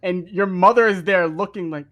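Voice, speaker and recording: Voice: medium pitch, moderate pace, a bit bright. A game master narrating an improvised tabletop role-playing scene for a stream. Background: music.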